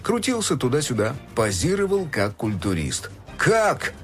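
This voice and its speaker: Brief: a man reading a children's story aloud, lively swinging pitch, faint music underneath. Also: moderate pace. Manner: expressive, animated storytelling. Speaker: narrator.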